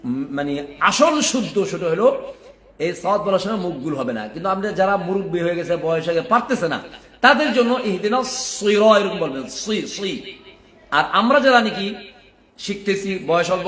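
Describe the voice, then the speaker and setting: A high, bright-voiced man teaches Quran recitation, stretching syllables and chanting verses before explaining quickly. His voice rings in an echoey room. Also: lively intonation. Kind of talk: recitation lesson with chanted examples.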